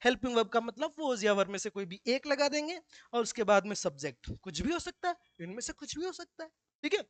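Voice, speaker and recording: A man's voice: very high voice, very animated, a little fast, no room sound. A male teacher giving a classroom grammar lesson, with joking asides and slips into local dialect.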